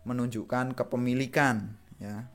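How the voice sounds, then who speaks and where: Patient Indonesian male language teacher, mid-pitched, repetitive lecture delivery. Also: steady tone, a little slow. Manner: patient, repeats points often with "gitu ya". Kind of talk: grammar lesson explanation.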